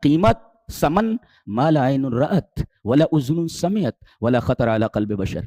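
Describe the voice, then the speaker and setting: A man preaching a sermon in with Quranic exegesis, asking rhetorical questions and climbing to emphatic high peaks before dropping low. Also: lively intonation, mellow, no echo, studio quality. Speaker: Islamic preacher.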